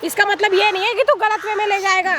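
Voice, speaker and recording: A woman playing a bright, shrill, domineering aunt. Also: steady tone, some chatter behind, a little hiss or hum. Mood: taunting. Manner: taunting, scolding, rapid questions. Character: domineering married aunt, scheming and threatening. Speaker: actor in a short drama. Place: outdoors in a public place.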